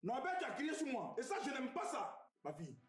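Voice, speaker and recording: A man's voice: extremely high pitch, fairly quick, heavily acted. Strict old father-in-law, ivorian french accent, scolding, echoey room, faint music. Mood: stern. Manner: firm, scolding, calm fatherly tone. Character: stern older father-in-law, authoritative.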